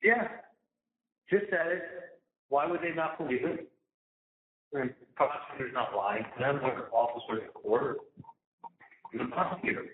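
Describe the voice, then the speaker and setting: A man's voice: mid-range voice, measured pace, pauses often, phone-quality sound. Inmate calling from a prison phone: agitated, repetitive man on a thin, roomy line. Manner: agitated, indignant, repetitive, swearing. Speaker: inmate calling his mother. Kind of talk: phone conversation. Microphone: prison phone handset.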